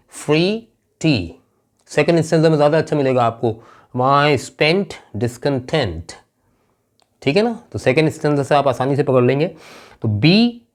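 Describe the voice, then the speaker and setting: Slow, deliberate male English teacher. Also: a little high. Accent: Karachi Urdu. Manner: slow, deliberate explaining, drawing out recited verse lines. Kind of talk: classroom lecture.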